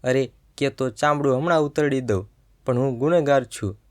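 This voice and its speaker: A fierce old village mother pours out her grief in a pained, trembling plea, read by a male storyteller. The voice stays mid-pitched and plain, close to an ordinary reading voice. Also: normal speed, natural voice. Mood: anguished. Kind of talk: storytelling narration.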